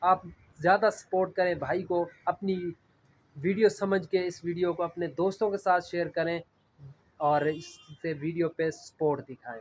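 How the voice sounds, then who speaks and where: A man's voice: on the high side, a little hiss or hum, poor audio. A man from Punjab, Pakistan, talking casually to camera as a vlogger, earnest and rambling with a repeated filler phrase. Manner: earnest, rambling, heavy use of the filler "jo hai".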